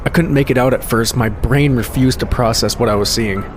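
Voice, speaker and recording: A man reading a scripted horror story in a measured, suspenseful storytelling manner. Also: mid-range voice, noisy background. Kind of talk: scripted scary story narration. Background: music under the voice.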